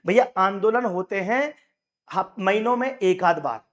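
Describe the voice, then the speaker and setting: Hoarse high-voiced man rallying aspirants. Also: unhurried, fairly bright tone. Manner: emphatic, rallying, repeats key points. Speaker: coaching teacher and union leader. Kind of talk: direct address to exam aspirants.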